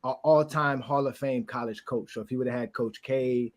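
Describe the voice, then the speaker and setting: A man hosting a casual sports debate show, talking fast and laughing often. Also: mid-range voice, fairly even intonation. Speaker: sports talk show host.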